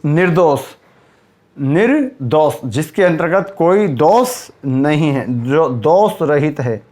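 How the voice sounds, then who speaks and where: Male teacher, spelling class for exam students; unhurried, drills each word twice, slightly high voice. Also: big pitch swings, a little mellow. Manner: slow, repeats words for emphasis.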